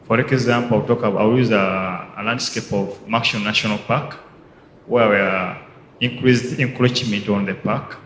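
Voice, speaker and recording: A man's voice: on the low side, fairly bright tone, a little hiss or hum. A man from Uganda, speaking earnestly from the floor at a panel, often restarting his phrases. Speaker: audience participant. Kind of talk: spoken contribution at a panel. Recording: echoey hall with faint ambience.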